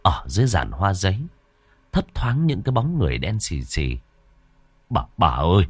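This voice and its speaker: A man's voice: deep voice, wildly swooping pitch, normal speed, darkish tone, slightly rough, no echo. A man narrating a ghost story expressively.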